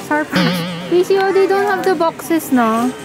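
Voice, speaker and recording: A young woman with a bright, high voice and a Filipino accent chats through a shopping vlog, switching between Tagalog and English with frequent laughter. Loud music sits under her voice from a handheld camera. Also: lively intonation, moderate pace. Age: young adult. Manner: chatty, mixes Tagalog and English, laughs often. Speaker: vlogger. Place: big store and mall.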